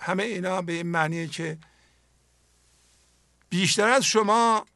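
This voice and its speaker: A man hosting a spiritual poetry program, explaining the verses earnestly and dropping to a soft voice when he acts out inner dialogue. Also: high voice, vocal fry, no room sound, studio quality. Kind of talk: spoken commentary on mystical poetry.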